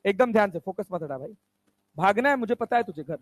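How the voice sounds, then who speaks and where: A man's voice: sits high, animated, fairly quick, no echo. A man teaching a physics class, coaxing the students and constantly asking whether they follow. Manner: coaxing, asks constant check questions.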